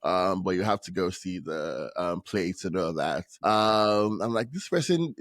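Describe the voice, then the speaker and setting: Low-voiced upbeat male podcast host. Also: lively intonation, a little slow, fairly bright tone, dry recording. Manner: upbeat, enthusiastic, many ums. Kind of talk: casual interview chat.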